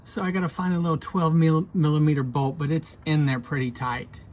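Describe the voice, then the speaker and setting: A man's voice: on the high side, fairly even intonation, brisk, a little mellow. A middle-aged man narrating a casual truck repair as he works, folksy and joking. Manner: folksy, joking, talks while working. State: out of breath. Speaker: vlog host doing truck repair.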